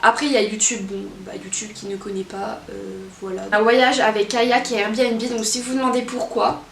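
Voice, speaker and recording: A woman's voice: fairly high pitch, steady tone, a little fast, a bit bright. A young woman vlogging in a casual, rambling way, full of fillers and hesitations. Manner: chatty, rambling with many fillers. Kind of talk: casual chat. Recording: echoey room, from a distance, faint noise.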